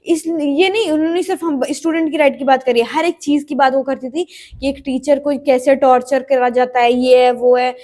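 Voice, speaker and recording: A woman's voice: sits high, normal speed. A young woman telling a personal story in a casual storytime vlog, acting out what other people said along the way. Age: young adult. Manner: animated storytelling, acting out quoted voices. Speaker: vlogger.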